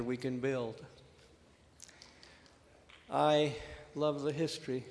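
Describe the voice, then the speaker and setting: Heartfelt man speaking in a big hall. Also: medium pitch. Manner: emphatic and heartfelt, with a few restarts. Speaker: organization president. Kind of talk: impromptu acceptance speech. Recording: reverberant hall.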